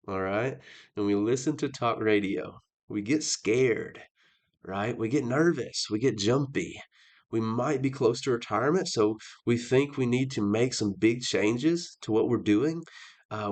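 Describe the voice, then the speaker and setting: A man teaching a lesson on investing as a financial coach, energetic and conversational, often checking in with his listeners. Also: on the low side. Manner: energetic, conversational, frequent "okay?" check-ins. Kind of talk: lecture on investing.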